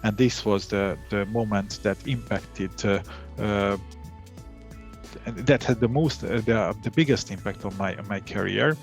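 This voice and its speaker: A middle-aged man from Hungary, calmly answering interview questions, with many fillers and restarts. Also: fairly low pitch, measured pace, soft background music. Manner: calm. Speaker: interview guest, data analytics head.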